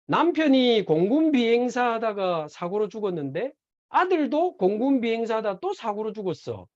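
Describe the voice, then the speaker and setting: A church teacher giving a sermon-style lecture, telling stories in an animated way and acting out the dialogue. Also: medium pitch, dull audio. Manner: animated storytelling, acts out quoted dialogue. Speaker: evangelism class teacher.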